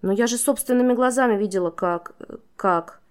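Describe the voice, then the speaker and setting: A woman voicing a furious teenage girl, high and loud. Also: normal speed, lightly acted. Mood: stunned. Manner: shouting, spitting rage.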